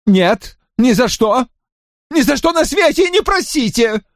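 A man voicing a cowardly, panicky gentleman in high, pleading, shrill tones in an audiobook. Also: very animated, measured pace, dry recording, clean studio sound, heavily acted.

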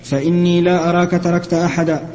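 A man reads a classical text aloud in a lesson, his voice somewhat high and mellow. He keeps a flat, even recitation and corrects the odd slip as he goes. The recording is dull and lo-fi, with a long reverb from a big hall. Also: fast. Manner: steady, even recitation with small self-corrections. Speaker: student reading the text aloud for the sheikh.

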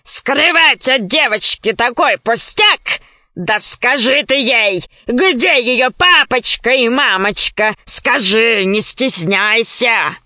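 A woman voicing a menacing one-eyed female alien gorilla who growls out her words slowly. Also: fairly high pitch, animated, sharp tone, no echo, lo-fi sound, full character voice.

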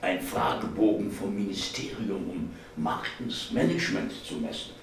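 A man reading aloud gives voice to a calm office colleague with a dry, quietly teasing amusement. He sounds distant from the microphone, his words ringing through a strongly reverberant hall. A faint hum of ambience lingers beneath. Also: lowish voice, normal speed, close to an everyday voice. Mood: amused. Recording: echoey hall, voice far from mic.

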